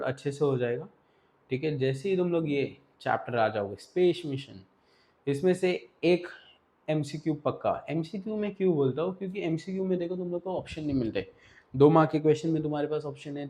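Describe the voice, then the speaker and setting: A man's voice: fairly high pitch, darkish tone. A man teaching an exam revision lesson in a casual, directive way, often checking in with his students. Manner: casual, directive, Hindi-English mix, repeats "ठीक है".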